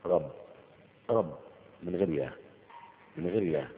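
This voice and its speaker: A man's voice: low voice, expressive, measured pace, long reverb tail, phone-quality sound, a little hiss or hum. A man with an Egyptian Arabic accent teaching Arabic grammar in a colloquial lecture, asking questions and answering them himself. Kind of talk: colloquial lecture with Quranic quotes.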